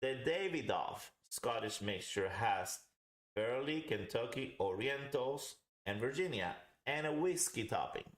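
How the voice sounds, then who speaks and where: In an echoey, roomy home recording, a man hosting a casual pipe tobacco livestream rambles as he explains, repeating things to stress them. His mid-range voice has lively intonation and an unhurried pace.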